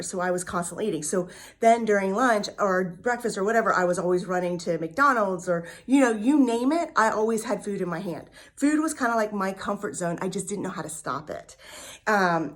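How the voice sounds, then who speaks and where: A woman in her fifties with a medium-pitched, fairly bright voice shares her recovery story as a vlogger. Her casual testimony is candid and talkative, full of ums and repeated words.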